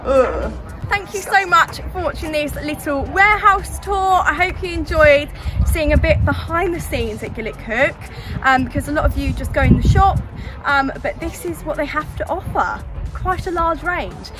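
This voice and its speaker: A woman's voice: high voice, moderate pace. A young woman chatting casually and playfully as a vlog host, talking to a pony as she goes. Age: young adult. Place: large warehouse, partly outdoors. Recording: background music, busy warehouse noise.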